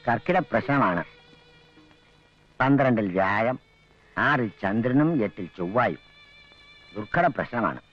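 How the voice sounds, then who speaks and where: A grave village astrologer. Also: male voice, lowish voice, expressive, unhurried, long pauses, fairly bright tone. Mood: solemn. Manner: solemn, intoning chart readings. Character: grave male village astrologer reading a horoscope. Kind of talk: 1980s film drama. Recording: dull lo-fi film soundtrack with music.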